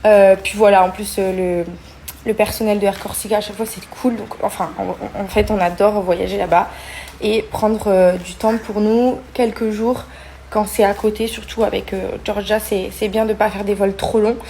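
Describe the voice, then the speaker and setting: Young woman, casual vlog talk, hesitant with fillers, mid pitch, faint ambient noise. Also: little pitch movement, normal speed, warm tone. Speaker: vlogger.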